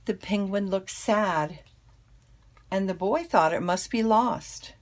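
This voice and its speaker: An older woman, a grandmother with a husky, creaky voice, reading a children's picture book aloud. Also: medium pitch, takes it slowly. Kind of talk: children's storybook read-aloud.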